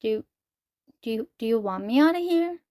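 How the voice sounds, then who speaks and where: Give me a woman reading a timid, stammering teenage girl with a high voice. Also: expressive, moderate pace, mellow, no echo, clean studio sound, close to an everyday voice. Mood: hesitant.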